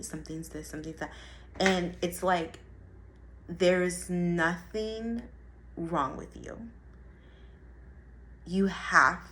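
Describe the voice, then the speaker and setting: Blunt, profane young woman venting. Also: fairly low pitch. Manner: blunt and profane, with emphatic repetition; animated, swinging between soft and loud. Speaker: vlogger. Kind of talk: casual motivational monologue.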